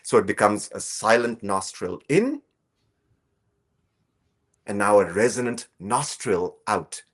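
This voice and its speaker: A man teaching a yogic breathing technique, explaining calmly and slowly, then softly guiding a practice. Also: lowish voice. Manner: calm, slow explanatory teaching with drawn-out phrases; soft guiding instructions during practice. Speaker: breathing instructor. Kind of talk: guided breathing lesson.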